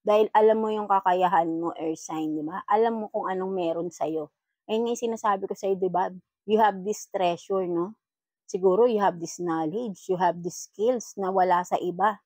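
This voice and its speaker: A woman's voice: medium pitch, normal speed, a little mellow, dry recording, poor audio. A woman with a Filipino accent giving a casual spiritual reading, chatty, with frequent tag questions. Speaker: tarot reader.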